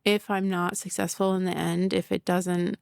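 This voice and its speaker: A woman's voice: on the low side, level tone, moderate pace, creaky, clear, resonant tone, no room sound. A middle-aged woman hosting a podcast in casual solo talk, candid and emotional, laughing often and swearing, full of "like" fillers. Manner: emotional, confessional. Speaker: podcast host.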